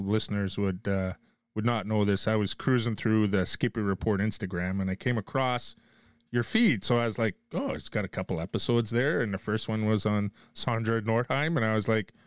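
A man from Quebec hosting a podcast, chatting in a relaxed, friendly way. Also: lowish voice, normal speed, smooth, no echo. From Quebec, Canada. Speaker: podcast host. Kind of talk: casual chat. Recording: dry close sound.

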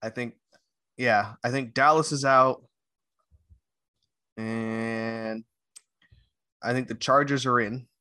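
A man's voice: mid-range voice, steady tone, slow pace, long pauses, bright, forceful tone, no room sound, clean studio sound. A man co-hosting a casual sports podcast, hesitant, mulling his picks aloud with hums and fillers. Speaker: podcast co-host.

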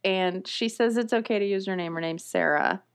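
A woman podcast co-host chatting casually, laughing readily and throwing in quick comic asides before reading listener mail. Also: medium pitch, clear, resonant tone.

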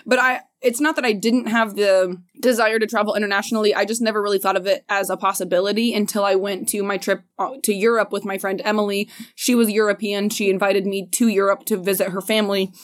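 A woman's voice: mid-range voice, fairly even intonation, fast talker, hardly any pauses. A woman from Indiana hosts a casual podcast chat recorded in a basement. She is chatty and laughs easily, and her talk is full of fillers. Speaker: podcast host. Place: cold basement.

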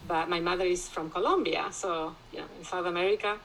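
A woman from Spain, a classicist, talking as a guest in a podcast interview, thoughtful and pausing often with restarts. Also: fairly low pitch, fairly even intonation, a bit bright, slight background noise, poor audio. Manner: thoughtful, many restarts and fillers, laughs often.

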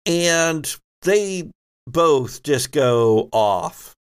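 A man runs a tabletop role-playing game as game master, improvising the narration and frequently stopping mid-sentence to search for words. His voice sits on the high side, animated and clean.

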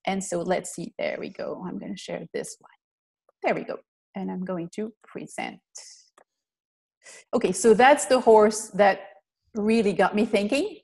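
Over a video call, a Belgian physical therapist and riding instructor gives an online presentation in a mid-range, slightly mellow voice. She's earnest and explanatory, going through points one step at a time.

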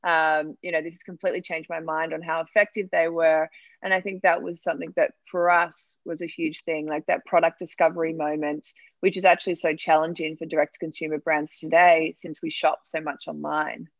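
A woman's voice: low-pitched, little pitch movement, a little fast, no echo, highs cut off. A woman from Australia, a startup founder, talking candidly in a podcast interview with many fillers.

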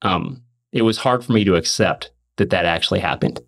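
On his podcast, a low-pitched man with a fairly bright, animated tone tells his faith testimony in earnest. He speaks emphatically and quickly, frequently restarting and repeating himself.

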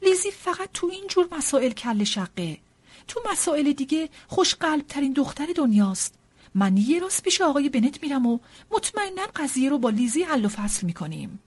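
A woman voicing a fussy, excitable middle-aged mother in an audiobook, pushing and pleading in a rush. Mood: agitated. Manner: shrill, pushy, breathless insistence. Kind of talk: audiobook character reading.

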